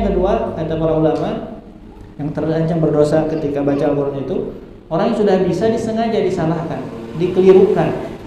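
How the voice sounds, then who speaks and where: Male recitation teacher, high mellow voice, slow chanted demonstrations, distant mic in a reverberant hall. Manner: models recitation in slow drawn-out chanting, then explains. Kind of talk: teaching tajwid pronunciation. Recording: echoey hall, mic far off, faint hiss.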